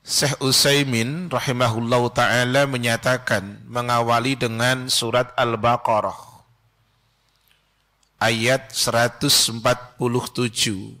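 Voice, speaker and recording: A middle-aged man giving a Friday sermon from a mosque pulpit, slow and measured, with quick Arabic recitation. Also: medium pitch, level tone, sharp tone. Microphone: stand mic close to mouth.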